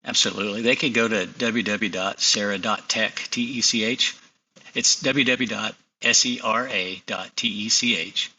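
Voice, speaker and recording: A man's voice: on the low side, fairly even intonation, normal speed, sharp tone, husky, recorded from a distance, poor audio. A middle-aged man, a company founder, talking confidently and emphatically as a guest in a business interview.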